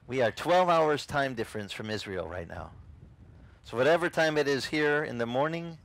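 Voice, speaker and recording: A middle-aged man, whose first language is not English, preaches an animated and casual sermon outdoors on a beach, gesturing and acting out the voices he quotes. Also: mid-range voice, no room sound, rough recording. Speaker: pastor.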